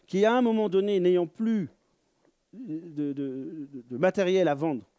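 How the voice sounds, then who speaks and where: A man giving a slow religious teaching, searching for words, repeating them and stressing key words loudly. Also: high voice, dry recording, clean studio sound. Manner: reads Hebrew phrases aloud.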